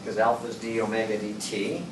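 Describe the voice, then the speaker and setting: Distant older man lecturing, thinking out loud. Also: fairly low pitch, little pitch movement, moderate pace. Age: 60s. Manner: thinking out loud, hesitant self-correcting while writing. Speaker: engineering lecturer. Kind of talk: chalkboard lecture, working through equations. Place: classroom at a chalkboard. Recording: roomy classroom, distant mic, background noise.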